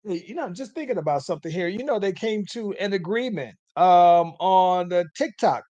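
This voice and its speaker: A man's voice: sits high, expressive, normal speed, dark tone, dry recording. A man hosting a casual podcast, rambling along and tagging his sentences with "though, man". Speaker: podcast host.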